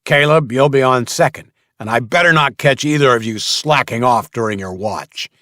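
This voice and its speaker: A man's voice: mid-range voice, normal speed, bright, forceful tone, no echo, studio quality, voice pushed up, natural voice. A man voicing a domineering male slaver leader who barks orders at his crew. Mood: commanding. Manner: barking orders.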